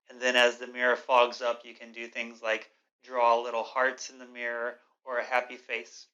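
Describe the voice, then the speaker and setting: A man giving an instructional yoga breathing lesson in a measured, explanatory, gently instructive way. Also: medium pitch, lo-fi sound.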